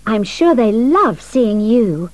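A woman's voice: fairly high pitch, very animated, slow pace, no echo, pitched above the performer's own voice. A woman reading as a polite young heroine. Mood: concerned. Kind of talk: storybook reading.

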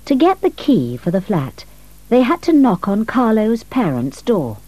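A woman narrating a story in a calm, measured reading. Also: fairly high pitch, no room sound, low-quality recording.

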